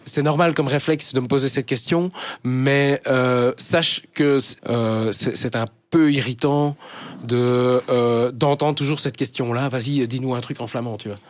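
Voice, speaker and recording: This older Brusselois talks a little slowly in a medium-pitched, fairly even voice during a casual studio interview on the radio. He speaks candidly, with plenty of fillers and false starts, and the recording is dry.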